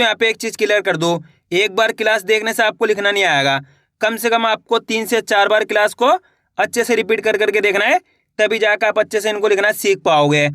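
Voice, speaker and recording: A man with a high voice leads a beginners' writing lesson and breaks each word into syllables that he draws out slowly. He says each word, asks for it back and keeps calling his viewers friends. The sound is dry and close, with no room around it. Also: sharp tone, dry recording. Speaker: teacher.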